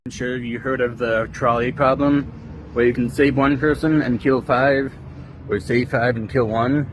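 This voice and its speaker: A man hosting a comedy short, delivering dark one-liners in a dry, deadpan way. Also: mid-range voice, a little hiss or hum. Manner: dry one-liners, rapid topic jumps.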